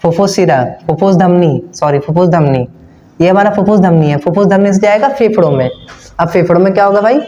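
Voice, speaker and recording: High-voiced Hindi-accented science teacher. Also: male voice, fast, dark tone, lo-fi sound. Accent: Hindi-speaking North Indian. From India. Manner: repeats key terms, asks and answers own questions; casual, addresses students as brother and kids. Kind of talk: online class lesson with diagram.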